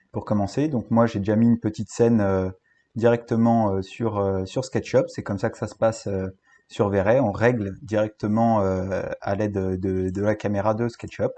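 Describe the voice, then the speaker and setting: This is a lowish-voiced man with a French accent recording a software tutorial over his screen. He hesitates a lot, filling pauses and starting phrases over again and again.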